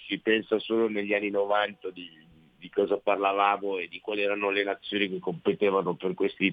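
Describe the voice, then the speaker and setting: A man's voice: on the low side, dry recording. Man in his thirties on a phone line. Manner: enthusiastic, halting. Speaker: guest athlete.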